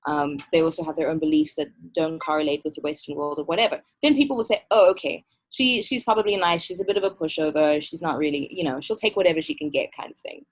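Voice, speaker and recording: A Malawian woman who curates a music festival appears as a guest in a casual interview over a video call. She speaks in a thoughtful, measured way, and her voice sits low.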